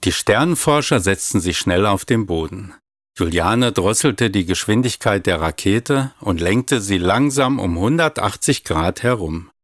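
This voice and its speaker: Man, low voice, children's story narration, calm, even, dry. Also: a little slow, no room sound.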